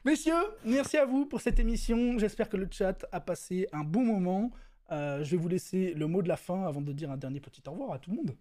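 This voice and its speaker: A man hosting a casual streamed chat, animated and argumentative, often laughing. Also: high voice, fairly quick. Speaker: host.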